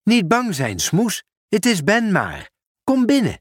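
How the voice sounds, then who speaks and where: A man's voice: high-pitched, wildly swooping pitch, slow, dry recording, studio quality, pitched above the performer's own voice, heavily acted. Pieter Post, a man voicing a cheerful postman. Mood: eager. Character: cheerful, dutiful male postman.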